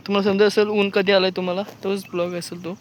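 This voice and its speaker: A man's voice: sits high, level tone, fast talker, slight background noise. A man vlogging casually outdoors while checking crab nets by the water, chatting to viewers and pointing things out as he films on a phone.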